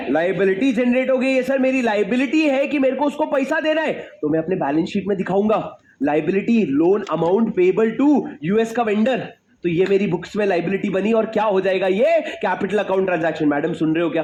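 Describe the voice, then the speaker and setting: Man, high voice, classroom lecture, emphatic, repeats questions, calls on students. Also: a little mellow, slight background noise. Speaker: teacher.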